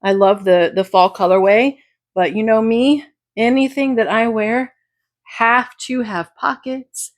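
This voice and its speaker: A woman reselling thrifted clothes, chatting casually and rambling through a haul video, her voice a bit raspy from talking all day. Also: on the high side, steady tone, a little slow, no echo. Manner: chatty, rambling, self-correcting. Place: at home beside a pile of clothes.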